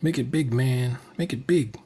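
A man in his sixties with a medium-pitched, dark, slightly rough voice hosts a reaction video, speaking at a moderate pace. He gives casual, off-the-cuff commentary, muttering asides as if to himself, from a cluttered room indoors at home.

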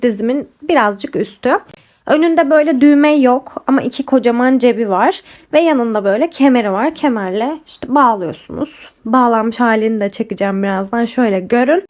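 A young woman chatting casually to camera about clothes she bought, talking straight to her viewers, her voice a little off from being sick. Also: high voice. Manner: chatty, addresses viewers directly, frequent fillers. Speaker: lifestyle vlogger. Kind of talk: casual haul and review chat to camera.

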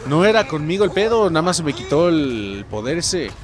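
A man's voice: a little high, brisk, faint music behind. A young man with a Mexican accent giving casual let's-play commentary, swearing and yelping at his mistakes and talking straight to his viewers. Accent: Mexican Spanish. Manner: excitable, swears and yelps at mistakes, talks to viewers. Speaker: gameplay streamer.

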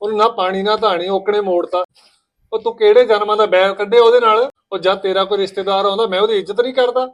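A man playing a husband caught between wife and sister, rapid, pleading, fast talker, family skit. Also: high voice, fairly even intonation, close to an everyday voice.

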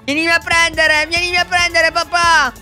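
A man voicing an excitable little boy who thinks he is Mario, shouting and apologizing by turns in a Minecraft roleplay. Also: extremely high pitch, normal speed. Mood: eager. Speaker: roleplay video maker. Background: background music.

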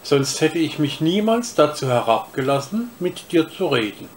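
A man reading aloud and voicing a prim, superior female porcelain cat that speaks slowly and condescendingly. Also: fairly high pitch, very animated, a little hiss or hum, pitched above the performer's own voice. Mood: haughty.

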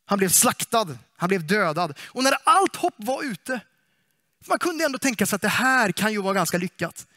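A man preaching in church with a high, bright voice. He is lively and playful and keeps putting questions to the congregation. The sound is close and dry. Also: dry recording. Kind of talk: sermon.

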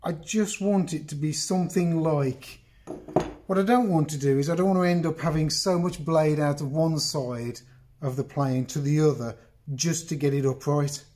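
A man's voice: on the high side, fairly even intonation, normal speed, a little mellow. A middle-aged English man with a chatty, rambling manner, talking the viewer through woodworking in his workshop and filming on a phone. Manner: chatty, rambling, self-interrupting, talks to the viewer. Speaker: woodworking video host. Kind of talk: casual workshop demonstration. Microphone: phone camera on the bench, moved around.

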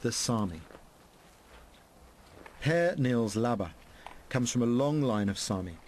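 A man narrating a documentary in a calm, measured, scripted way. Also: medium pitch, a little hiss or hum. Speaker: presenter narrating.

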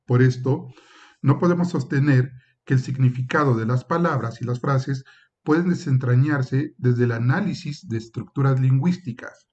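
Muffled, lo-fi audio captures a male professor's university lecture. His even, mid-pitched delivery is explanatory and point by point, punctuated by frequent "eh" and "este," with the occasional short acted-out dialogue to drive a point home.

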